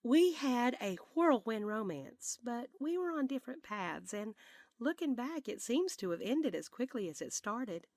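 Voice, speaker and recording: A woman voicing a spirited, sweet elderly grandmother with a Southern accent, speaking in a lively, drawn-out, sing-song way. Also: fairly high pitch, dry recording, studio quality, pitched above the performer's own voice. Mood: cheerful. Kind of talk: audiobook character voice.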